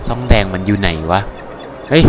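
A man's voice: on the low side, brisk, background noise. A man giving casual, crude, joking commentary while playing a game and translating its lines. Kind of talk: casual let's-play commentary. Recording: game music playing underneath. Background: game music.

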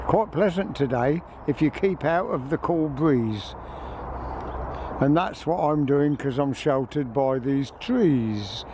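A man giving a chatty, playful, casual running commentary as a vlogger outdoors. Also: medium pitch. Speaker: trainspotting vlogger. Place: open railway platform. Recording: handheld camera outdoors, clear background noise.

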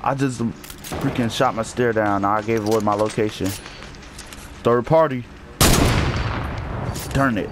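A man's voice: lowish voice, unhurried, pauses often, heavy background noise. A man playing an online shooter with friends, joking and trash-talking in casual chat. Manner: excitable, joking trash talk. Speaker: gamer. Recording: loud game gunfire behind voice. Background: video game gunfire and effects.

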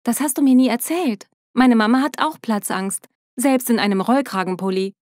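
A teenage girl in a storybook, a former rival who has turned gentle, read by a woman. She speaks softly and soothingly. The voice is fairly high and close. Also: moderate pace, no echo, natural voice. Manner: soft and soothing.

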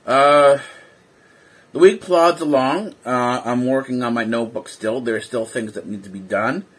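Seated indoors, a male vlogger chats casually in a medium-pitched, slightly bright and husky voice at a moderate pace. He sounds a little sleepy, rambling and hesitating with lots of fillers and restarts.

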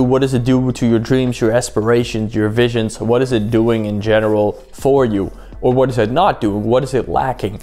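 A man's voice: medium pitch, a little mellow. A man hosting a casual solo podcast, rambling with many fillers and asking the listener rhetorical questions, a little sleepy. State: sleepy, yawning at times. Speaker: podcast host.

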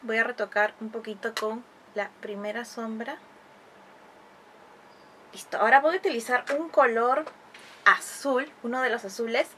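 A woman's voice: fairly high pitch, steady tone, moderate pace, pauses often, pushed and bright, a little hiss or hum. Chatty woman reviewing makeup. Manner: chatty, explanatory, uses many diminutives. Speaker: beauty vlogger.

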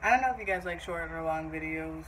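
A woman's voice: sits low, quick pace, a bit bright. A young woman casually vlogging a clothing haul in a small home kitchen, chatty and upbeat, often trailing off. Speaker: fashion vlogger. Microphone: phone camera set far across the room. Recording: echoey room, mic far off, noisy.

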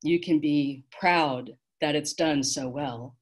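A woman voicing a gentle, weary celestial being who speaks softly and slowly to comfort children. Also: sits low, husky, full character voice. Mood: warm. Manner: soft, slow and comforting.

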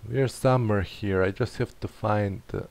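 A man's voice: on the low side, moderate pace, vocal fry, a little mellow. A man thinking aloud as he plays a map-guessing game, muttering and questioning himself. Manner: muttering, hesitant, self-questioning. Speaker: game streamer. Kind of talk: thinking aloud while playing.

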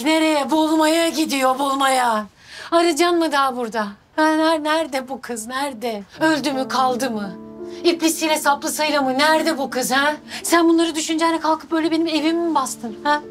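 A woman's voice: sits high, normal speed, music in the background, lightly acted. An actress playing a firm, scolding woman. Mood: reproachful. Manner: firm, reproachful.

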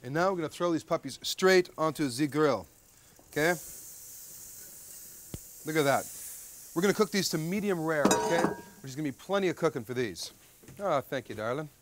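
A man's voice: on the high side, lively intonation, moderate pace, pauses often, background noise. A man in his thirties hosting a TV cooking show at an outdoor grill, chatty and joking, often tagging lines with "okay?". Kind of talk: jokey TV cooking demonstration. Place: outdoor backyard grill deck.

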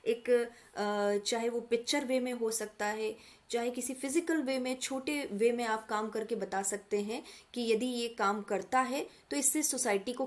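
A woman's voice: on the high side, a little mellow. Patient woman mentor explaining step by step. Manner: patient step-by-step explaining, addresses students directly. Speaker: online course mentor. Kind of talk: screen-recorded tutorial walkthrough.

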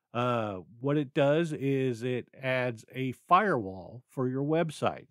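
A man's voice: medium pitch, no echo, studio quality. A man hosting his own solo podcast, talking without a script, rambling with many ums and stammers. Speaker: podcast host. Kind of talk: unscripted solo podcast talk.

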